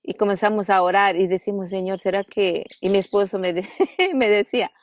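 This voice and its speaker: An Amazon jungle pastor, a woman, delivers her testimony in an interview, telling the story while voicing the quoted exchanges. Her mid-range voice is level and brisk. The recording is dry and took place at a family house in a jungle village.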